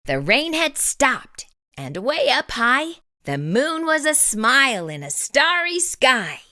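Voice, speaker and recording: A woman reads a bedtime storybook aloud for young children. Her voice is bright and swoops widely, and she takes her time with each phrase in a deliberate, animated way. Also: high voice, no room sound, studio quality. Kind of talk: scripted storybook narration, read aloud.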